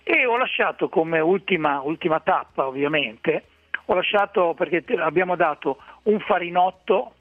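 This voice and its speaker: A man's voice: a little high, lively intonation, normal speed, no echo, faint music behind. A man, calling in to a radio show and chattily explaining local dishes and restaurants, often restarting his phrases. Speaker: food guest on a radio show. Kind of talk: phone-in radio chat giving restaurant tips. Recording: tinny phone line.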